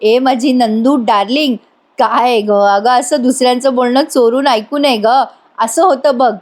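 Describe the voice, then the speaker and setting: A woman's voice: fairly high pitch, measured pace, a little mellow, natural voice. A woman voicing a playful young husband who teases and coaxes his wife. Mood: teasing. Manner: teasing, coaxing.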